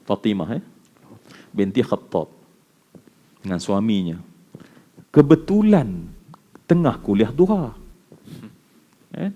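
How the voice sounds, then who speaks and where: A man with a Malaysian Malay accent preaching at a mosque, telling a story that swings between loud exclamations and hushed, slow recitation. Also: medium pitch, muffled recording. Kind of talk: mosque lecture.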